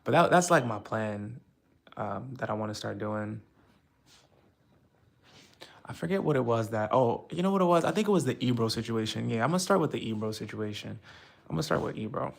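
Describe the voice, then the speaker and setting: A man's voice: medium pitch, animated, brisk, creaky, pauses often. A young man from the United States talking casually and frustratedly on a live stream, rambling with many fillers.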